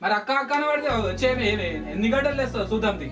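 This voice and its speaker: A woman's voice: a little high, lively intonation, rapid-fire. A woman, scolding and instructing a patient about taking medicine. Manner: scolding, bossy. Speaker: caretaker giving medicine. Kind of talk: village short-film acting. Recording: distant mic with background music.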